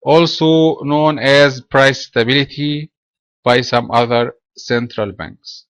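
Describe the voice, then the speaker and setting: A man's voice: medium pitch, fairly even intonation, slow pace, fairly bright tone, clear, resonant tone, no echo. Egyptian man giving a dry, close webinar. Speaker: webinar presenter. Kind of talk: trading webinar lecture.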